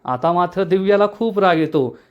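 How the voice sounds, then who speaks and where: A man tells the story of a TV serial episode in a lively, dramatic way. His voice sits a little above the usual male pitch. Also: moderate pace, lo-fi sound. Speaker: serial recap narrator.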